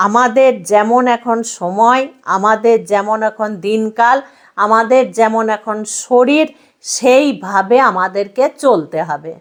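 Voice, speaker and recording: Woman, devotional sermon, slow deliberate delivery, somewhat high voice, repetitive emphatic phrasing. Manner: repetitive emphatic preaching lists; addresses listeners directly with rhetorical questions. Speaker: religious speaker.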